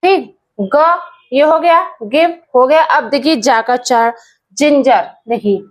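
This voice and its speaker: A woman's voice: high-pitched, measured pace. A woman who teaches English pronunciation, speaking patiently, repeating words and spelling them out letter by letter. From India.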